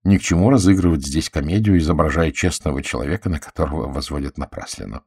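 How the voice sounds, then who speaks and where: A man's voice: rumbling low, quick pace, breathy edge, dry recording, studio quality, heavily acted. Poirot, voiced by a man as a suave detective. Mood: probing. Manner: gently probing, courteous and self-assured. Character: suave, shrewd male detective, middle-aged. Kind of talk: audiobook character voice.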